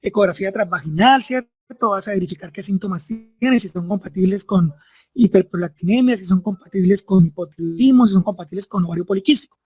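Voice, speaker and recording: Soft background music plays beneath a high, husky, dark-toned male voice that's fairly quick, with no room sound. He is a medical lecturer explaining step by step and regularly checking comprehension through tag questions.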